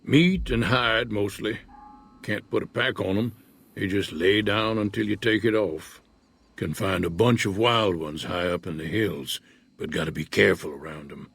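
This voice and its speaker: An actor voicing a retired old male prospector in a video game, speaking in an unhurried folksy drawl. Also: fairly low pitch, vocal fry, fairly bright tone, breathy edge, heavily acted. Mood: easygoing. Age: older. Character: weathered old male prospector, laid-back and wary. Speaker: retired prospector in a frontier town.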